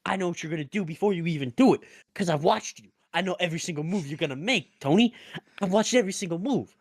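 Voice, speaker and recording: A man's voice: high-pitched, animated, fast talker, no echo, pitched above the performer's own voice. A man voicing a boastful, menacing male mob underboss in a put-on Jersey mobster accent. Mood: menacing taunt. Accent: Italian-American Jersey mobster, put on.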